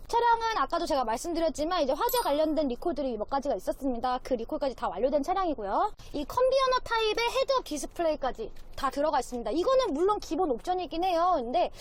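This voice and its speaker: Very high, fast-talking woman selling cars. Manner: talkative salesperson pitch, explaining features point by point. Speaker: used car dealer presenting a car. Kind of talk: informal sales walkaround.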